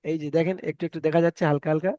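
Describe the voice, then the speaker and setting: A man's voice: on the high side, little pitch movement, rapid-fire, mellow, no echo, highs cut off. A male teacher with an Indian Bengali accent, leading an online Arabic reading lesson and patiently repeating letter sounds for his students. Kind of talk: online Quran reading class.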